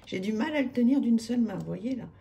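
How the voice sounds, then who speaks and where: A woman's voice: on the high side, lively intonation, quick pace, creaky, mellow. A woman, chatting to camera about her tarot decks, hesitant with many fillers and restarts, enthusiastic. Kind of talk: casual chat to camera. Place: home room with street noise outside.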